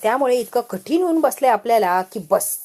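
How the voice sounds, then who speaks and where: A calculating older villainess, brooding and resigned after her schemes collapse, as a woman voices her in a serial recap. Her voice is a little high and heavy with worry. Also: expressive, brisk, dark tone.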